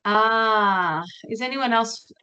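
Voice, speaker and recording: Bright-voiced Australian woman lecturing online. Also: on the high side, slow pace, smooth, dull audio. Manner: chatty, friendly, loose and informal. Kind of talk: online orientation session.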